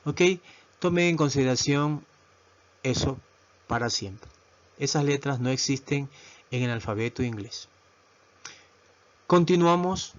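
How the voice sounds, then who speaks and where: A man teaching a video lesson who talks slowly and patiently, repeating words and often checking in with his listeners. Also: mid-range voice, dull audio. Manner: slow, repetitive, asks "¿verdad?" often. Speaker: English teacher.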